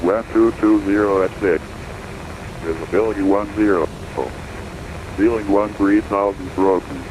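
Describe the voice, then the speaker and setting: A man's voice heard as an automated airport weather broadcast over the radio, reading runway notices and weather in a steady monotone. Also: lowish voice, a little slow. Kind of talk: recorded airport information broadcast. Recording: noisy radio broadcast with cockpit hum.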